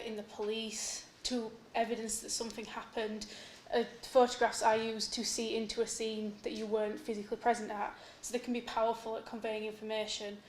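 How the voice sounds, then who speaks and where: Young woman, higher voice, flat intonation, academic presenting, echoey room. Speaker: PhD student presenting research. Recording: echoey room with faint noise.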